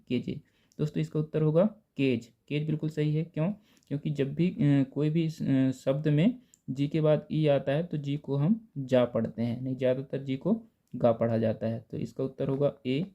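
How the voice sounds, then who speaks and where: A man teaching a lesson, going over exam answers and slowly spelling out words letter by letter while speaking directly to the viewers. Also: medium pitch, warm tone. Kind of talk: casual Hindi lesson explaining answers. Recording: dull lo-fi recording.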